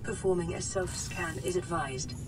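Gentle synthetic care computer. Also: female voice, on the low side, moderate pace. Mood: calm caring. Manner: even, soothing, clinical announcements. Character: calm, gentle female AI suit computer. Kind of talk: in-game status alerts. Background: game music.

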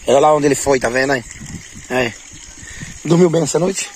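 A man's voice: mid-range voice, moderate pace, slight background noise. A man with a Northeastern Brazilian accent chatting and teasing his family casually outdoors, insistently repeating himself. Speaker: family vlogger behind the camera. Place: outdoors in a rural yard. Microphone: phone held by the speaker.

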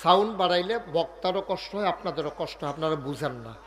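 A man's voice: a little high, lively intonation, fast, heavy background noise. A man preaching a humorous sermon over a microphone at a religious gathering, drawing call-and-response from the crowd.

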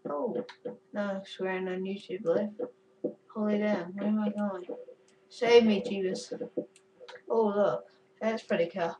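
A woman's voice: medium pitch, steady tone, measured pace, long pauses, mellow, recorded from a distance, slight background noise, low-quality recording. A woman giving chatty, goofy commentary while playing a game, cursing and giggling at her own jokes. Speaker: gamer. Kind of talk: casual gameplay commentary.

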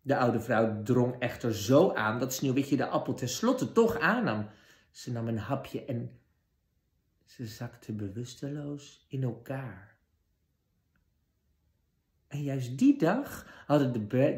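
Male storyteller, fairy tale for kids, animated pitch, echoey room. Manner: lively, expressive narration. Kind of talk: children's fairy tale read-aloud. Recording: roomy echo.

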